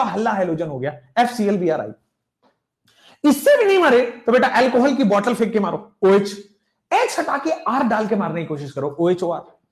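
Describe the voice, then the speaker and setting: A man teaching chemistry in a playful lecture, explaining a memory trick with a silly story and slow repeated chants, addressing his students warmly as children. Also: very high voice. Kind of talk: animated classroom lecture with mnemonics.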